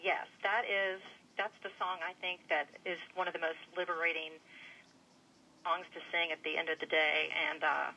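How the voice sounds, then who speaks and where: Female radio guest, humorous and folksy. Vocal fry, very bright tone, slightly noisy telephone connection. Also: on the low side, flat delivery, normal speed. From United States, Kentucky. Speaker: interview guest, humor writer. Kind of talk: casual humorous radio interview. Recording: noisy phone line.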